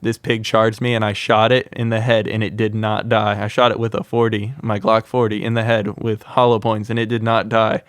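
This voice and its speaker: A young man with a smooth, lowish voice, recorded cleanly in studio quality with no room sound, appears as a podcast guest. He's a wildlife content creator spinning wild stories in a lively, casual interview style, packing his anecdotes with "like" fillers.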